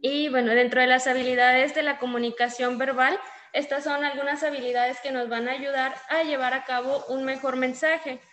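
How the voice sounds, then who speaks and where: A woman with a Mexican accent lectures her class, explaining step by step and thinking aloud as she goes. Her voice sits slightly high and carries a roomy echo. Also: level tone, moderate pace, fairly bright tone. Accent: Mexican Spanish. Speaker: teacher. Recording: echoey room.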